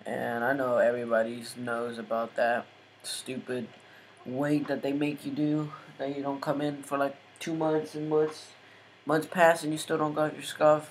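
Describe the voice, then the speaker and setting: A man's voice: medium pitch, flat delivery, measured pace, a little hiss or hum, low-quality recording. A young man hosting his gaming channel, giving casual gameplay commentary with joking, muttered asides to himself.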